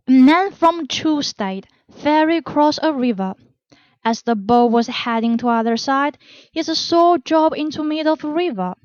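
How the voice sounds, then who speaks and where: Lady host reading a story, calm and plain, high voice, dead-dry muffled mic. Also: no echo. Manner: plain, unhurried reading with small grammar slips. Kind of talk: scripted story narration. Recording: dull, dry lo-fi recording.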